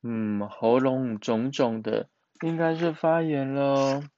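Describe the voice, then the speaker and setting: A man voicing a kind male owl doctor who speaks gently and calmly to a child. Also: mid-range voice, muffled recording, slight background noise. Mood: gentle. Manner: gentle, slow, calm.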